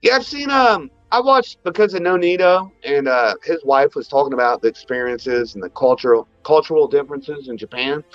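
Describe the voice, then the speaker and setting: A man co-hosting a podcast who rambles through crude casual chat and keeps trailing off and restarting his sentences. His voice sits a little high. The sound is slightly dull and muffled, with faint music underneath. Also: lively intonation, normal speed, few pauses, dry recording. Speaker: podcast co-host.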